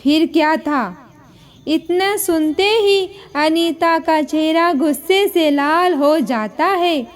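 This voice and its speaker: A woman narrating a moral family story in a measured, dramatic storytelling manner. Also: very high voice.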